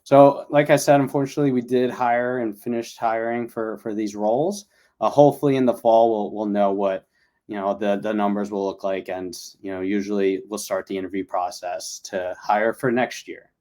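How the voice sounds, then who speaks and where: A man with a fairly low voice talks as a recruiter. He presents informally to an audience of job seekers. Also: fairly even intonation, normal speed, warm tone.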